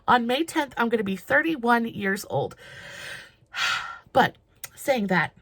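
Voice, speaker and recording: A woman's voice: on the high side, sing-song, takes it slowly, a bit bright, dry recording. Gushing woman doing makeup. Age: 30s. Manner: chatty and gushing, with fillers. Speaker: makeup vlogger. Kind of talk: casual makeup tutorial.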